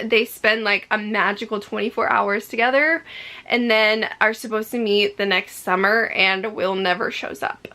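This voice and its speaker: A woman with a fairly high, very bright voice that has a slightly froggy, allergy-affected edge. She talks to camera in a casual, effusive way, like an upbeat book reviewer on a vlog. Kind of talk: casual chat to camera about books.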